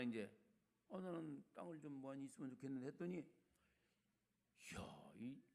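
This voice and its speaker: 연세 있는 원로 목사, 거친 목소리. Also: male voice, medium pitch, vocal fry. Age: older. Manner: colloquial, swings between loud emphasis and soft asides. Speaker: retired senior pastor. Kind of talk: sermon.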